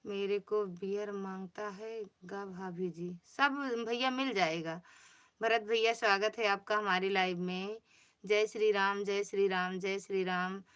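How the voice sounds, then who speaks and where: Bright-voiced chatty woman live-streaming from a phone. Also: medium pitch, steady tone, measured pace, clear, resonant tone. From Pratapgarh, Uttar Pradesh. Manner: chatty, greets viewers by name and coaxes them. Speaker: livestream host. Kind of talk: casual livestream chat, reading viewer comments.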